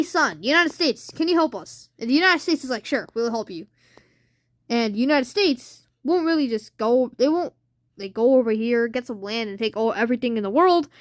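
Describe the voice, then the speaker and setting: High-voiced rambling woman narrating a map. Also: a bit bright, no room sound, clean studio sound. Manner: rambling, many fillers, unsure asides. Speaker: channel host. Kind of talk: casual alternate-history map commentary.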